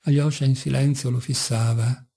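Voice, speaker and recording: A man reading a classic novel aloud as an audiobook narrator, measured and expressive. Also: medium pitch, gravelly, slightly rough. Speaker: audiobook reader.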